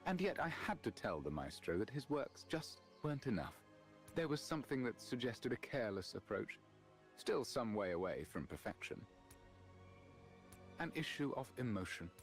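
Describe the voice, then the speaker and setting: A man acting a haughty, scandalized aristocratic ice artist in a video game, fastidious and pompous in his theatrical delivery. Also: mid-range voice, very animated, faint music behind, natural voice, rough recording. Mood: haughty disdain.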